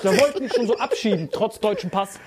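A man telling a story in a casual podcast chat, animated and full of swearing and mocking impressions. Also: high-pitched, over a noisy crowd. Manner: fast bursts, often laughing.

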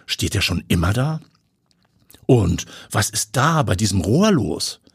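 A man reading a story aloud with vivid, expressive storytelling. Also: lowish voice, a little slow, husky, no room sound, clean studio sound. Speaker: narrator.

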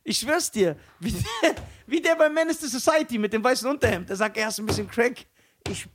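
A man's voice: extremely high pitch, brisk, faint music behind. A young man on a casual podcast, telling a story with lots of laughter and imitated voices. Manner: animated storytelling, mimics voices, laughs often. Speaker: podcast co-host.

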